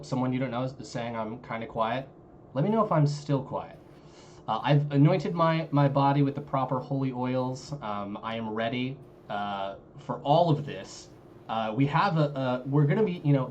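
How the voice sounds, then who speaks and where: A man's voice: mid-range voice, a little mellow. A man casting an esports stream in casual, joking banter, his voice sounding like it comes through a cardboard tube. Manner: joking, self-deprecating banter. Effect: muffled mic that sounds like talking through a tube. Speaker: esports league caster. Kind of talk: casual live-stream commentary. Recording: muffled lo-fi mic, faint hiss.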